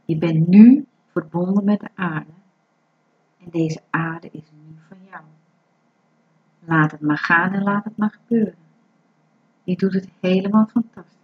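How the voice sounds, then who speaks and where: A woman leads a guided breathing meditation with slow, unhurried phrasing. Her manner is calm and instructive, and the recording sounds dull and lo-fi. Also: on the low side.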